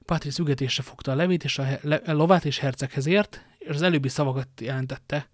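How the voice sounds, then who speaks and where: A man reading a novel aloud in a steady narrating voice, now and then stumbling and correcting himself. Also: a little high, no echo, studio quality. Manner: steady narration with occasional slips and self-corrections. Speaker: audiobook reader.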